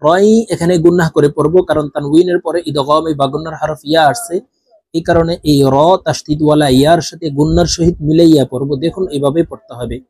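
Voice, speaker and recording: A man teaching religious recitation, chanting phrases slowly and drawn out for viewers to repeat, then explaining quickly. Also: a little high, steady tone, a little mellow, slightly rough, no room sound, studio quality. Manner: addresses viewers, asks them to repeat after him. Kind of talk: recitation lesson.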